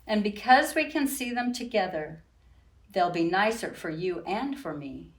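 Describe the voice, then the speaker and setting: Speaking straight to little children the way a librarian host would, a medium-pitched woman reads a story with sing-song rhymes, expressively and without hurry. Echo fills the room, and she sits some distance from the microphone.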